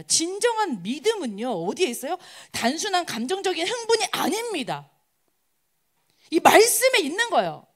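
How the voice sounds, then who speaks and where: Animated woman preaching a sermon. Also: very high voice. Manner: keeps asking the listeners rhetorical questions; animated, acts out quoted crowds. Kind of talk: sermon to college students.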